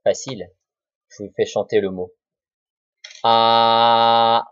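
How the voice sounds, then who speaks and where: A man, a primary school teacher giving a recorded spelling lesson to children, slowly sounding out words syllable by syllable with patient dictation. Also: mid-range voice, expressive, mellow, breathy edge, dry recording, muffled recording.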